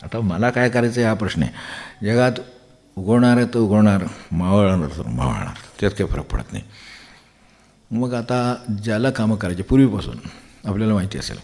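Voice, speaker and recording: Older man giving an unhurried spiritual talk. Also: lowish voice, expressive, vocal fry, darkish tone. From Maharashtra, India. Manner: conversational, digressive, chuckles while explaining. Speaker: spiritual discourse speaker. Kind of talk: devotional discourse.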